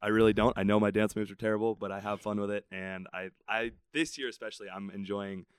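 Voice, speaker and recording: Smooth low-voiced podcast guest man. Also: steady tone, fast, dry recording. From Southern California. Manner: candid, self-deprecating storyteller. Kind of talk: casual interview.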